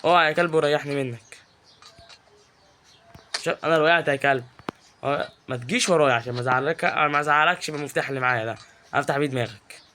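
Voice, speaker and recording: A man's voice: mid-range voice, rapid-fire, slight background noise. A man with an Egyptian Arabic accent giving live, teasing commentary while playing a game. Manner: excitable and teasing, yells at game characters. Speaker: gaming YouTuber.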